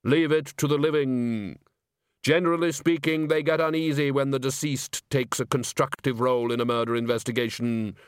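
Death, slow and deep, as a man puts him on. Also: steady tone, smooth, dry recording, natural voice. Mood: solemn. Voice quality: deep, slow and dry-humored. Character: Death, solemn unhurried male bass.

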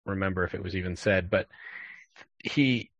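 Relaxed low-voiced man recapping a show. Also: normal speed, slightly rough, dry recording, lo-fi sound. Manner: relaxed, joking, lots of "like". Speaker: podcast host. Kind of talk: casual chat recapping a TV episode.

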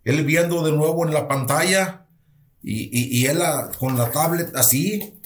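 A man who is a pastor and speaks gives a personal testimony to a listener. He tells it in an earnest, halting way with many restarts. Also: fairly high pitch. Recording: roomy echo.

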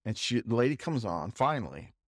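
A man co-hosting a podcast, telling a casual, halting anecdote full of restarts and asides. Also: medium pitch, sing-song, no room sound, clean studio sound. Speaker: podcast co-host. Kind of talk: casual storytelling chat.

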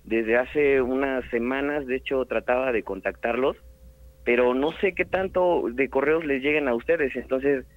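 A man's voice: mid-range voice, moderate pace, no echo. A man with a Mexican accent calling in by phone, hesitant and polite as he starts telling his story. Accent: Mexican Spanish. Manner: hesitant, polite, calls the host "hermano". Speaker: caller. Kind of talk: phone call testimony. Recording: tinny phone line.

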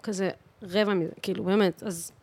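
A woman of thirty-one with an Israeli accent, chatting casually as a podcast guest in an animated, emphatic way, with slang and English swearing mixed in. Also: mid-range voice, husky, no room sound. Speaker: guest singer, DJ and voice teacher.

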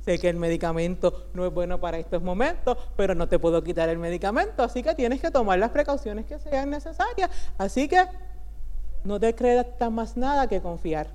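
Mujer imitando a un médico tranquilo. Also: female voice, mid-range voice, expressive, normal speed, mellow, pitched below the performer's own voice, lightly acted. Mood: reassuring. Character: calm male doctor giving advice. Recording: long hall reverb.

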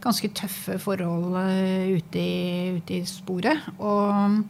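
This is a woman with a Norwegian accent, appearing as a podcast guest and casually looking back on her sled dog races. Her medium-pitched voice is gravelly and somewhat dark, with a level tone, and there's slight background noise. She reflects as she talks, pausing and using fillers while she recalls memories.

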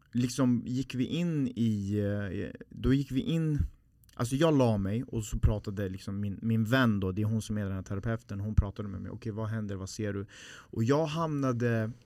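A man's voice: on the low side, warm tone, no echo. A man, a podcast guest telling a personal story in a heartfelt, rambling way with many fillers.

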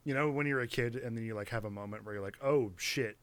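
A man's voice: medium pitch, racing, fairly bright tone, smooth, dry recording. A young man from Central California, co-hosting a podcast in laid-back, amused chat. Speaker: podcast co-host. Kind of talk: casual chat.

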